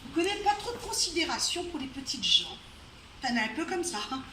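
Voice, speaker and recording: A woman's voice: sits high, very animated, fairly quick, pushed and bright. A woman with a Réunion accent telling a folk tale live at an evening event, chatty, with asides to the audience and frequent laughter. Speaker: storyteller. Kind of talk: live oral storytelling. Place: storytelling evening in a venue. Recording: roomy, distant live venue recording with faint noise.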